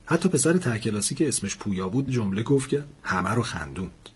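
A man's voice: fairly low pitch, slightly rough. A man telling a story aloud, narrating and voicing the people in it. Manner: lively storyteller, voices the characters in dialogue. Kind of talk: storytelling narration with character voices.

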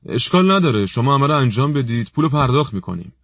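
A man voicing an anxious older friend who rushes to plead with a doctor. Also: mid-range voice, sing-song, a bit bright, dry recording, clean studio sound, voice pushed up. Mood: hurried pleading. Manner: hurried, pleading, reassuring.

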